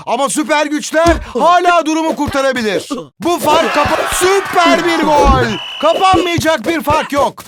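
High-pitched screaming football commentator. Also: male voice, very noisy. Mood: keyed-up. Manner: shouted exclamations, drawn-out goal calls. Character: excitable male football match commentator in an arcade video game.

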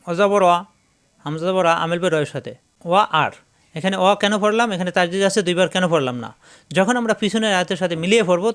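Male recitation teacher, slightly raised pitch, clean ringing tone, methodical syllable-by-syllable drilling. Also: a bit bright, clean tone. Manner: spells syllables slowly, then chants the verse drawn out. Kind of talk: spelling-out recitation lesson.

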